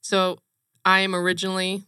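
A woman's voice: medium pitch, completely flat delivery, brisk, pushed and bright, clean tone, dry recording, clean studio sound. A woman from Romania, a company co-founder, speaking earnestly and emphatically as an interview guest. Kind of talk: casual interview chat.

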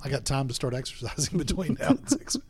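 Guy co-hosting, teasing, husky voice, lively pitch. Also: fast. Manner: teasing, joking. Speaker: radio co-host. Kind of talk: casual chat.

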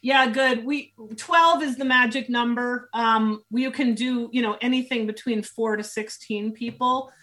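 A woman who works as a leadership and team consultant answers interview questions as a guest, earnestly thinking aloud with many fillers and restarts while losing her voice. Her voice is on the high side and a bit bright, with a steady tone, measured pace and few pauses.

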